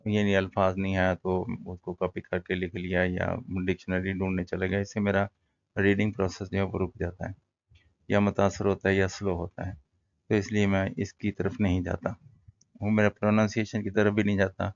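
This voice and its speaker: A man teaching an English lesson in a relaxed, conversational way, explaining words and pausing often with fillers. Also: sits low, vocal fry, highs cut off. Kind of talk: casual classroom-style lesson.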